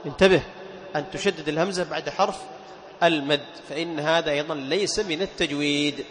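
A man's voice: fairly high pitch, fast talker, fairly bright tone, long reverb tail. A man teaching Quran recitation rules in a lesson, explaining patiently, repeating key points and asking his students rhetorical questions. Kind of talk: classroom lesson on tajweed.

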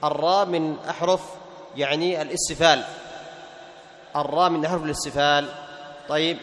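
A man's voice: on the high side, fairly even intonation, a bit bright, slight background noise. Echoey man teaching Quran recitation rules. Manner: asks the class questions and answers them, slows to recite examples. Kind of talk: tajweed lesson to a class.

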